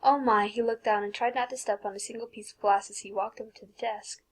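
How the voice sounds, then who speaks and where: A young woman with a fairly high voice reads a fan fiction aloud in a casual, unpolished way. She trips over words and restarts lines, and now and then stops to drop a blunt, swearing aside. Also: fairly even intonation, fast, breathy edge, rough recording. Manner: stumbles and restarts, breaks off to comment and swear. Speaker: fanfic reader.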